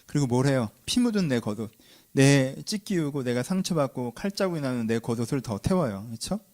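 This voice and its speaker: A man's voice: medium pitch, animated, fairly quick, darkish tone. A man preaching a sermon, constantly asking his listeners questions and answering them himself. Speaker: pastor.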